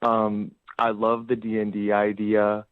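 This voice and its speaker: A man's voice: on the low side, monotone, a little slow, clean tone, no echo. Rambling man calling in by phone. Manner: rambling, heavy on fillers. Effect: over the phone. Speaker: caller. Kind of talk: casual call-in chat. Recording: tinny dry phone line.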